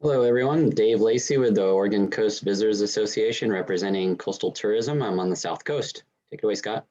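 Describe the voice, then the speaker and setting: Quick mellow man on a group video call. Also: lowish voice. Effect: voice heard through an online group video call. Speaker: working group member for coastal tourism. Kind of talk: brief self-introduction in a meeting. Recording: dull lo-fi video call audio.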